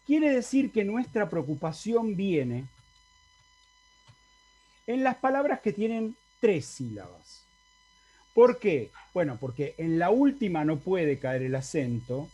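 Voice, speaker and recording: Here a man's high, mellow voice delivers an online Latin lecture over video call. He is a university teacher with an Argentine Spanish accent whose explanatory style includes frequent requests for the class to confirm understanding.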